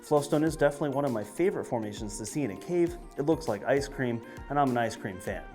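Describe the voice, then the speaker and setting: A male tour guide speaks on location in a cave over background music. His mid-pitched voice moves up and down in a lively way. He presents each sight in an explanatory, guided-tour style as he walks along. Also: fast. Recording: music behind the voice.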